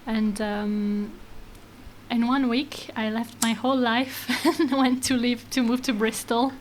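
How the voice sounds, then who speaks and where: Woman guest, sound artist, casual interview; slightly high voice, frequent laughter, halting phrasing. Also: steady tone, slight background noise, rough recording. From France and Greece. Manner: laughs often, many hesitations.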